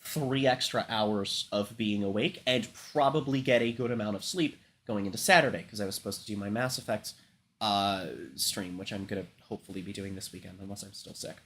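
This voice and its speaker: With slight background noise, a livestream host who is sick and stuffed up rambles through a relaxed chat, speaking a little fast in a low, somewhat bright voice. Coughs interrupt him at times, and he swears a lot and says "um" to fill gaps.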